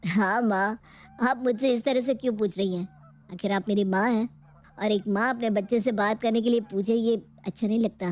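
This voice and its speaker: A woman voicing a short-tempered young husband in a cartoon, irritable and quick to shout. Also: mid-range voice, steady tone, lightly acted. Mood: pleading. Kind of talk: cartoon voice acting.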